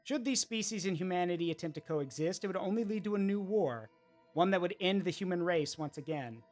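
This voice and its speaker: A player reading a calm, menacing evil AI in a video game, cold, measured and formal. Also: medium pitch, soft background music, lightly acted. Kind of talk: reading game dialogue aloud.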